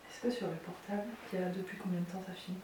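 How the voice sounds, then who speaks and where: A woman's voice: fairly low pitch, flat delivery, fast. A woman leading a paranormal session in French-style casual talk, putting probing questions to those around her. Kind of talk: casual spoken questioning during a spirit session. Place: echoey indoor room in an old house. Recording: distant, very echoey, hissy.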